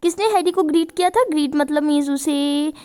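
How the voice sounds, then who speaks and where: High-voiced woman teacher explaining a chapter. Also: warm tone. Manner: mixes Hindi and English, reads questions aloud slowly then explains.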